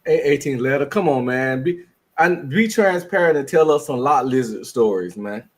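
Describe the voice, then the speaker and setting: A man's voice: medium pitch, expressive, normal speed. A man chatting loosely and rambling, laughing between lines. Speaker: podcast co-host. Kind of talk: casual chat.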